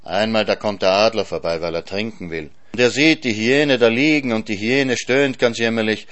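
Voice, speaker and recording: A man reading a folk tale aloud as narrator, calm and measured. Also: on the low side. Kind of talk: scripted story narration.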